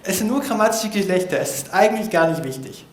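This language learner presents his vocabulary notes casually, talking fast in a high, expressive voice and pausing frequently as he works through foreign words out loud. The recording has an echoey room sound.

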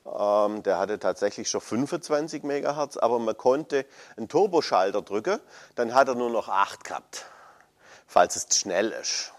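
A man in his fifties with a notably deep, low voice talks loosely about old computers. He wanders, hesitates and fills gaps with ums as he goes. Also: animated, normal speed. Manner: rambling, hesitant, many fillers. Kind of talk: casual retro computing chat.

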